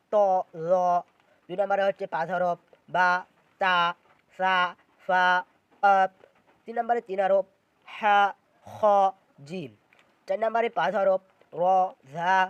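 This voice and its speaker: In a dry, dull recording, a man with a high voice gives a slow, step-by-step lesson in Quran recitation. He patiently spells out each letter and syllable and repeats them.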